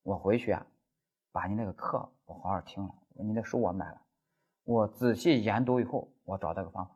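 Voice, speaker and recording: A man's voice: fairly low pitch, fairly quick, darkish tone, breathy edge, highs cut off, pitched below the performer's own voice. A man voicing a pushy young actress who hesitantly pleads for legal advice. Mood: soft.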